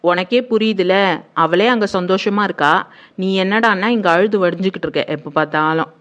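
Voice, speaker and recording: A woman's voice: lowish voice, brisk, lightly acted. An actress playing a blunt, impatient middle-aged mother who scolds her grown daughter. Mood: scolding. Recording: muffled lo-fi sound.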